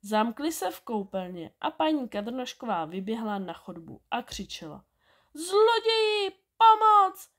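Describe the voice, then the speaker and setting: A woman reading a bedtime story aloud, expressive and animated. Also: medium pitch, hardly any pauses.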